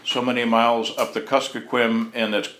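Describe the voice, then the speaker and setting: A male interviewer asking curious, halting questions with frequent fillers. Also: mid-range voice, level tone, a bit bright. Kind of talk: casual interview. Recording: echoey room with faint ambience.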